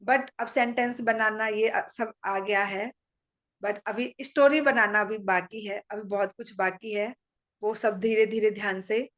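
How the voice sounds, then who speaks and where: A middle-aged woman with a slightly high voice gives a personal testimony to an audience. She stays calm and matter-of-fact, slipping into her own remembered lines of dialogue as she goes. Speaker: meditation practitioner sharing her story.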